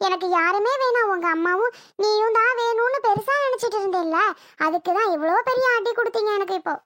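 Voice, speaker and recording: A voice actor voicing a wounded, bitter older aunt from a homemade cartoon, speaking Tirunelveli Tamil. She scolds her nephew with quick, reproachful words. The voice sits very high and quick, recorded dry and close. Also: fairly bright tone, dry recording. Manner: accusing, scolding. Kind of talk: cartoon voice acting.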